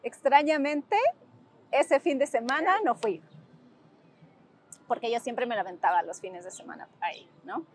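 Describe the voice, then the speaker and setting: A woman's voice: on the high side, measured pace, pauses often, slight background noise. A woman in her forties with a Mexican accent, recalling past events in a documentary interview, reflective and emotional, often ending phrases with tag questions. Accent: Mexican Spanish. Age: 40s. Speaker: interviewee, former student activist.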